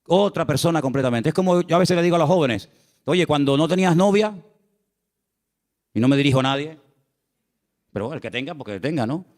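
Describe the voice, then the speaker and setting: A middle-aged man, preaching a sermon as pastor in an animated way, acting out voices and asking the congregation questions. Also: on the high side, in a large hall.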